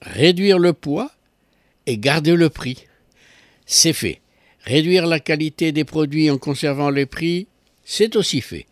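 A man's voice: fairly high pitch, unhurried, pauses often, no echo, studio quality. A man giving a consumer affairs column on local radio, explaining with ironic asides.

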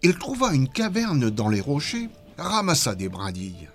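A man narrating a children's story in an expressive, dramatic way. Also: mid-range voice, normal speed, soft background music.

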